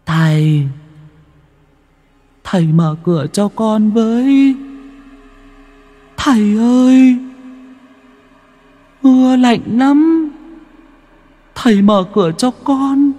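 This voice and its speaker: A man voicing a demon that mimics a small boy, crying and begging in high, drawn-out wails. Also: lively intonation, mellow, big-room sound, full character voice. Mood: pleading, wailing. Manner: high, drawn-out wailing cries.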